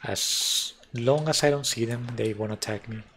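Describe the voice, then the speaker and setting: A man's voice: mid-range voice, normal speed, a bit bright, slight background noise. A man commenting as he plays a mobile game on a live stream, wry and self-mocking, talking to himself and his chat.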